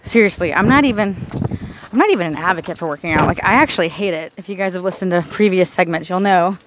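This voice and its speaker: A woman's voice: medium pitch, fairly bright tone, poor audio. A woman in her thirties chatting casually to her viewers in an exasperated, venting way, recording from a car. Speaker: vlogger. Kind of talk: casual vlog chat. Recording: car and street noise behind.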